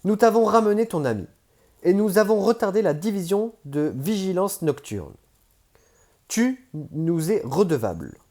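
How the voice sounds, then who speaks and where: A man's voice: sits high, big pitch swings, a little slow, dark tone, pitched above the performer's own voice, exaggerated voice. A man reading an audiobook voices a cold, stern otherworldly being, lecturing and haughty.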